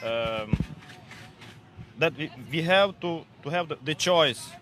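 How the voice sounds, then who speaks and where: Halting Ukrainian-accented man, bright voice. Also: on the high side, expressive, a little hiss or hum. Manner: halting non-native English with many repeats. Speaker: truck driver at a protest. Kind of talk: street interview. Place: outdoors at a street protest.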